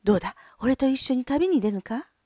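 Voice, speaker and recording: A woman's voice: lively intonation, fairly quick, dark tone, no room sound, studio quality. A woman voicing a greedy, fawning male peddler in a folk tale, calling out like a street hawker. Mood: flattering. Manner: shrill, fawning, hawker's calls.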